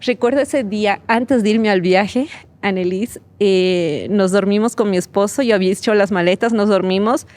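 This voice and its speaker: A woman's voice: mid-range voice, moderate pace, darkish tone. A woman, a podcast guest telling her personal faith testimony with heartfelt emotion and nervous laughs. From Bolivia. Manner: heartfelt storytelling, acts out the words of others.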